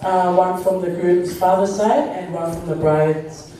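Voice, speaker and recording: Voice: medium pitch, steady tone, measured pace, mellow, slight background noise. A master of ceremonies casually announcing the order of speeches at a wedding, correcting themselves as they go. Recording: echoey hall, distant mic.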